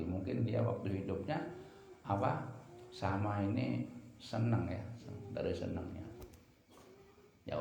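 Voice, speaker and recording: A man preaching a sermon, telling stories and swinging from loud emphasis to soft asides. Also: sits low, gravelly, muffled recording, a little hiss or hum. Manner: storytelling with dramatic swings in volume. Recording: heavy echo from a reverberant room.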